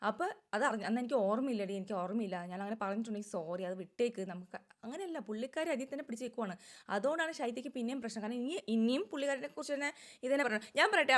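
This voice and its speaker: A woman giving casual, opinionated commentary on a reality show, talking quickly and at length. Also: a little high, fairly bright tone. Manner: opinionated, rapid and talkative.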